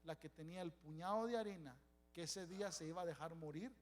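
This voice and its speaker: Male pastor, high voice, sermon delivery with loud call-and-response bursts. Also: quick pace. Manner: preaching with sudden loud calls for the church to repeat after him.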